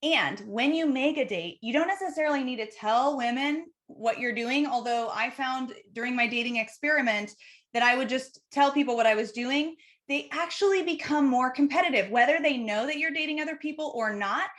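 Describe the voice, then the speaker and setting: A woman with a fairly high voice presents advice as a coach in an online video. She talks straight to the viewer in an instructive way, putting emphasis on the key words. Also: fairly quick, a bit bright. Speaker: dating coach and video host. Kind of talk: advice video to camera, numbered tips.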